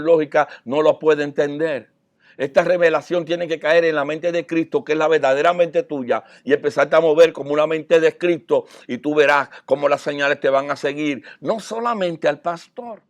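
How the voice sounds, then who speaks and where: High-pitched guy preaching, goes quiet then loud. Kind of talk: sermon.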